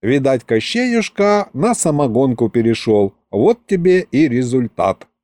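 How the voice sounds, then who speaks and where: A man narrating an audiobook with lively, expressive delivery. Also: medium pitch, unhurried, no room sound.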